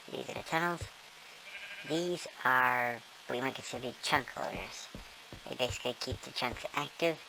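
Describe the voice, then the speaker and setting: Filtered to sound like a small, squeaky squirrel, a gamer's voice still comes across as gravelly while they casually show off a build in gameplay. The tour rambles, peppered with ums and self-corrections. Background noise is audible.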